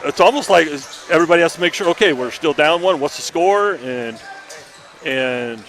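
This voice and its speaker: A man's voice: on the high side, animated, moderate pace, fairly bright tone. Rambling male color commentator. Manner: rambling and talkative, with restarts and fillers. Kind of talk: casual game analysis.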